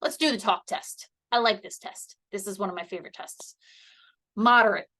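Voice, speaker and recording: Bright-voiced woman teaching a health class. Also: mid-range voice, animated, a little fast. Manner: chatty, explains step by step with fillers. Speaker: health educator. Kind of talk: casual instructional presentation. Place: seated indoors.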